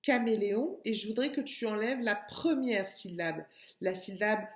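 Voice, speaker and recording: A woman teacher giving a remote lesson to young children from a room at home, slow and patient, repeating each word and syllable. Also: mid-range voice, lively intonation, reverberant. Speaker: kindergarten teacher.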